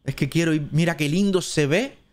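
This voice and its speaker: A man with a Cuban Spanish accent talks his way through a live gameplay stream, thinking aloud and chatting to his viewers. His voice sits somewhat high for a man, and now and then he jumps up into a squeaky put-on tone. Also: brisk. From Cuba.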